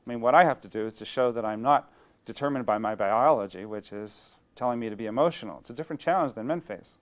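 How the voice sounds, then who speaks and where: Male lecturer, mid-pitched voice, rhetorical question-and-answer lecture style, slightly muffled recording. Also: quick pace. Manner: rhetorical, poses questions then answers them. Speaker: engineering studies lecturer. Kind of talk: university lecture.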